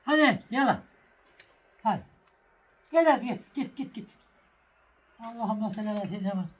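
Middle-aged male vlog host, husky voice, lively swooping delivery, chats to camera while cooking, coaxes animals. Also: high voice, moderate pace. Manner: talks to viewers while making a sandwich, then shouts and coaxes an animal. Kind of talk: casual cooking and farm vlog.

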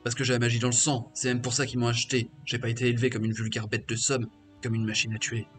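A man's voice: medium pitch, flat delivery, quick pace, lightly acted. A man voicing a bitter, defiant male half-orc warrior mage who was once a slave, reading crude, scornful game dialogue aloud over faint game music.

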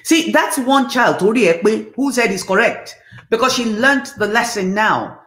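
A woman's voice: on the high side, animated, unhurried, fairly bright tone, roomy sound. A woman in her fifties hosting a talk show, speaking bluntly and emphatically in a candid motivational monologue from her living room over a webcam. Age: 50s. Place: home living room, indoors.

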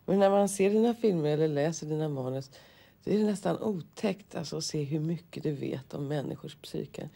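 A woman's voice: sits low, gravelly, warm tone. A woman with a Swedish accent, interviewing a guest with curious, probing questions and brief affirmations.

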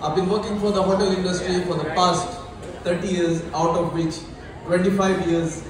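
A man's voice: sits high, fairly even intonation, normal speed. A middle-aged man with an Indian accent, a hotel director giving a formal welcome speech and toast. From Goa, India. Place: large ship atrium, indoors. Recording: echoey hall from far off, crowd behind.

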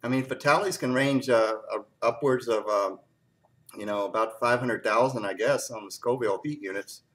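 A man's voice: mid-range voice, a bit bright. Man reviewing a hot pepper, teary. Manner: halting, filler-heavy, clearing his throat. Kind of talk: casual tasting review.

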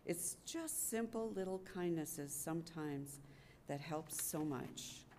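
Slowly and with lively intonation, an older woman with a low, darkish voice reads aloud a wartime letter. The readers theater performance takes place at a gooseneck podium microphone in an indoor public gallery event room, captured as a clearly noisy live room recording.

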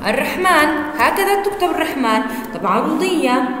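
A Jordanian woman teaching a class in a high, clear voice. She spells words out slowly, asking questions and answering them herself. The sound carries a long echo from the room, with a faint hum of noise behind her. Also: big pitch swings, a bit bright. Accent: Jordanian Arabic. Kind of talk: classroom lesson on Arabic prosody.

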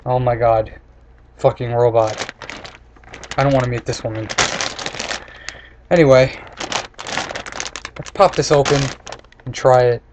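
A man's voice: medium pitch, measured pace, long pauses. A man in his twenties talking casually and bluntly, with sarcasm, as he reviews and rants into a webcam. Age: 20s. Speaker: snack reviewer. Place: small room indoors. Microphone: computer webcam at close desk distance. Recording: noisy webcam microphone with room noise.

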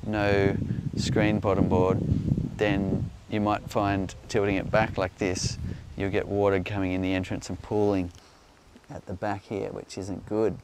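A middle-aged Australian man gives an unscripted explanation in a halting, measured way. His voice is on the low side and very even in pitch. He is outdoors, with loud noise behind him. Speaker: beekeeper, presenter answering viewer questions. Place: outdoors on an open grassy hillside.

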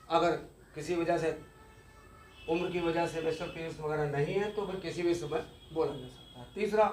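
A man delivers an exam-focused law lecture in a slightly high voice, patiently explaining and repeating key terms. His voice rings in an echoey room. A faint ambient hiss sits underneath. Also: darkish tone. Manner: explanatory, repeats key terms, mixes English legal words.

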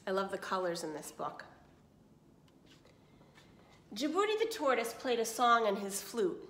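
A very animated woman with a medium-pitched, somewhat bright voice reads a picture book to children fairly quickly. As storyteller she is expressive, adding small asides and questions, and the recording comes from an echoey room.

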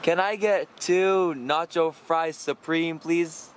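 A man's voice: a little high, steady tone, takes it slowly, slight background noise. A teenage man chatting casually into a phone camera from a car, giggly and self-deprecating. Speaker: vlogger. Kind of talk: casual vlog chat.

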